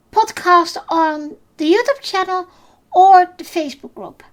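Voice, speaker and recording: A native Dutch speaker with a Dutch accent, this woman hosts a solo podcast recap. Her voice is very high, and she takes her time, hesitating often with ums and restarts.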